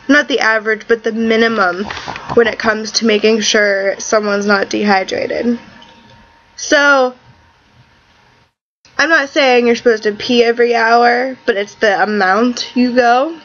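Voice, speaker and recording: A woman's voice: fairly high pitch, fairly bright tone, muffled recording. A woman recovering from tonsil surgery with a sore throat, talking bluntly and with exasperation in a casual video diary. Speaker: vlogger.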